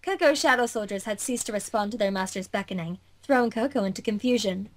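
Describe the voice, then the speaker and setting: A woman with a middle-pitched voice narrates a fantasy visual novel quickly, reading it like a dramatic story. The delivery has an amateur fandub feel, and she sometimes trips over words.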